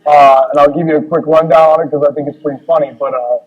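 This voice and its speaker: A man's voice: fairly high pitch, steady tone, quick pace, breathy edge, muffled recording. A man, a guest wrestler in a casual interview, rambling through a road story with many fillers and acted-out dialogue.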